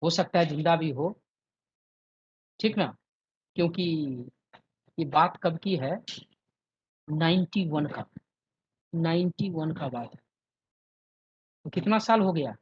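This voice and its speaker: A male teacher in his fifties runs an online class, checking again and again that the students follow. His voice sits fairly high and rises and falls a great deal. The sound comes through a muffled, lo-fi call. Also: expressive, slow, pauses often, breathy edge.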